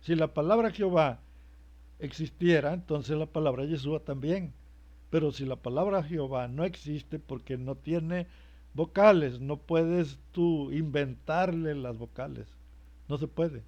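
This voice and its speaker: A man's voice: on the high side, darkish tone. A man giving a religious teaching, hesitant, repeating words and asking himself rhetorical questions. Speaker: preacher. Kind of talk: sermon-style religious teaching. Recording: muffled lo-fi recording.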